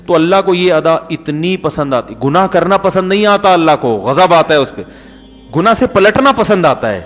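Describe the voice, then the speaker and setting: A man's voice: high-pitched, expressive, fairly bright tone, faint music behind. A middle-aged man with a Pakistani Urdu accent giving a conversational sermon, telling jokey anecdotes and acting out the dialogue. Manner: jokey storytelling, acts out dialogue. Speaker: Islamic preacher. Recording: long hall reverb.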